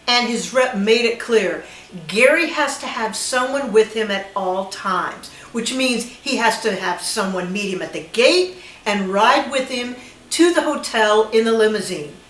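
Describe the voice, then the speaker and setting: A woman's voice: fairly high pitch, fairly bright tone. Chatty woman telling a story, echoey room. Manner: chatty, anecdotal, slightly incredulous. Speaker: independent filmmaker. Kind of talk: casual personal storytelling. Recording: roomy echo, voice from a distance.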